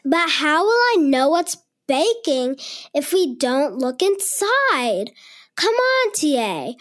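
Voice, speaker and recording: A woman's voice: high-pitched, sing-song, slow pace, fairly bright tone, full character voice. A performer voicing a curious little girl who pleads with the grown-ups in a children's show.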